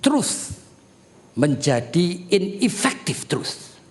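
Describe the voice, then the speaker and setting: A middle-aged man preaching a sermon as pastor, speaking in a lively style, often addressing the congregation directly and mixing English terms into his speech. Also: sits high, extremely slow. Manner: animated preaching, often addresses listeners as "saudara".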